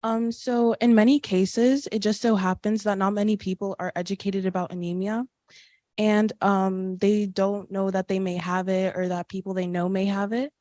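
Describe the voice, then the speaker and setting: Flat-voiced teen girl, hesitant. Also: mid-range voice, moderate pace, no echo, clean studio sound. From New York. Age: teens. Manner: hesitant, with "um" fillers. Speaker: student presenter. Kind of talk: group presentation.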